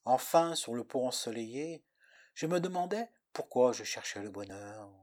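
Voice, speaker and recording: A man's voice: medium pitch, animated, normal speed, darkish tone. A man narrating a poetic story in the first person with a dramatic, lyrical delivery.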